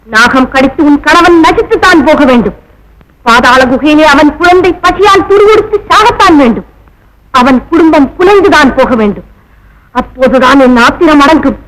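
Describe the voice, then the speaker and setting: A woman's voice: high-pitched, rough recording. An actress playing a proud vengeful woman, speaking in a scornful, declamatory 1950s film melodrama manner. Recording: old film soundtrack with loud music.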